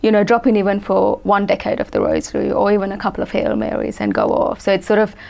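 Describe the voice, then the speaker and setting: A woman in her forties with a gravelly edge to her voice, answering interview questions. She speaks thoughtfully and pauses often with ums, reworking her sentences as she goes. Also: medium pitch, flat delivery, a little mellow. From Sri Lanka. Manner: thoughtful, many ums and restarts. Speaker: guest. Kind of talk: interview conversation.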